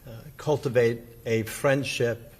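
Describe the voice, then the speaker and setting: A man examining a witness as a defense attorney in court, with halting, deliberate questions and a husky voice. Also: mid-range voice, fairly even intonation.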